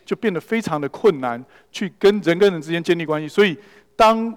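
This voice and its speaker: Pastor guy preaching, kinda high voice, lots of hall echo, tosses in english words. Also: expressive, fairly quick, clear, resonant tone. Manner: storytelling preacher who mixes in English words. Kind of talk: sermon. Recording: long reverb of a large hall.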